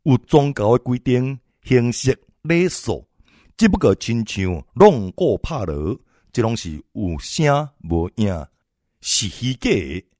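A man preaching a sermon, exhorting his listeners and swinging between loud and soft phrases. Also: medium pitch, sing-song, takes it slowly, dry recording, studio quality.

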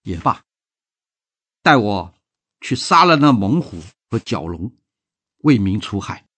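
A man's voice: on the low side, big pitch swings, slow, slightly rough, exaggerated voice. A man voicing a brash young strongman. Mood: remorseful. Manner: forceful, commanding speech. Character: brash young strongman, bold and hot-tempered.

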